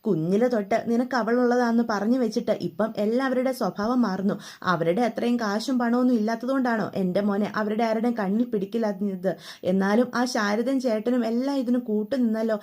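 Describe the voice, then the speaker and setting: A woman's voice: a little high, a little fast, a little mellow, lightly acted. A woman voicing a bitter, scolding mother. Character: worried, indignant middle-aged mother.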